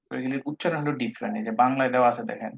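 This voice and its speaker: A man's voice: medium pitch, racing, breathy edge. A man teaching a live online language class, patiently explaining pronunciation step by step and mixing in English words. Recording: dull lo-fi online call audio.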